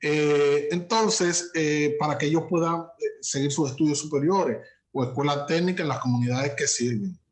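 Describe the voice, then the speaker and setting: A man's voice: a little high, normal speed. A man hosting a prerecorded webinar from an office, introducing a guest at length with frequent fillers and restarts. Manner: hesitant, many fillers and restarts. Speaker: host and entrepreneurship instructor.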